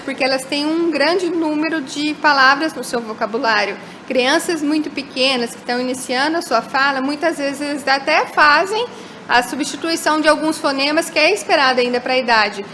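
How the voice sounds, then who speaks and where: A Brazilian woman with a high, light voice gives a recorded lesson. She explains each point step by step and often checks in with her listeners. A faint hiss sits under the recording. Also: pushed and bright, low-quality recording. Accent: Brazilian Portuguese. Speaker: teacher. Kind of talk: recorded lesson on phonological awareness.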